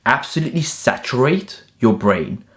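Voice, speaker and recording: This scripted self-improvement monologue comes from a young man born in Turkey and brought up in England, who speaks directly and motivationally in quick, punchy lists. He has a mid-range, expressive voice at a moderate pace.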